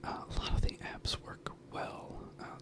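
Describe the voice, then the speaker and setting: Man whispering an ASMR ramble close-up. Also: measured pace. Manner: whispering close to the ear throughout. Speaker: ASMR video creator. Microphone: close binaural mic, ear to ear.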